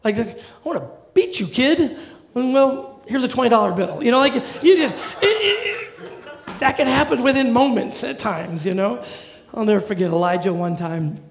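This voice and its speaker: A middle-aged male pastor preaching a sermon in a conversational, animated way with humorous asides. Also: very high-pitched, normal speed, creaky.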